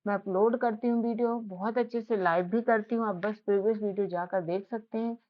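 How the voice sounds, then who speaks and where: A woman's voice: mid-range voice, steady tone, a little fast. A woman in a mid-range voice gives an informal spelling lesson. She speaks patiently and keeps asking the learner questions to check they follow. The recording sounds slightly muffled and lo-fi. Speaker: English teacher. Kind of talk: casual spoken lesson. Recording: slightly dull lo-fi audio.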